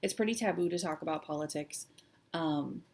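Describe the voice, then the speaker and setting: A woman vlogger chatting casually and personally, halting and hesitant with long pauses, sounding shaky and close to tears. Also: sits low, darkish tone, slight background noise. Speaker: cross-stitch vlog host. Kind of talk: casual personal chat to camera.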